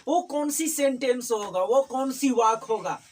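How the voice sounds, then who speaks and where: A woman's voice: fairly high pitch, expressive, measured pace, a little mellow. Woman tutor, distant with faint noise. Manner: repeats terms and often checks with "right?". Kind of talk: classroom teaching. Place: tuition classroom.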